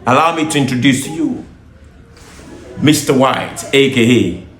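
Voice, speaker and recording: A man with a Nigerian accent hosting a podcast, giving a slow, formal scripted introduction. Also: medium pitch, a bit bright. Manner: slow, formal announcer delivery. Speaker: podcast host. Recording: roomy echo.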